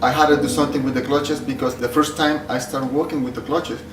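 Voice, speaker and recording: Interviewed in his clutch workshop, a middle-aged Salvadoran shop owner talks fast at medium pitch with fairly even intonation, his plain answers hesitant and full of fillers. Music plays behind him, and the distant mic gives a roomy sound.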